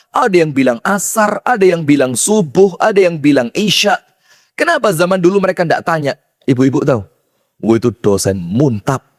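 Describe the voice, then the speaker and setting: A man preaching a sermon, telling stories with lively rhetorical questions to his audience and chanting verses slowly. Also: a little high. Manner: slow chanted Quran recitation. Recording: long hall reverb.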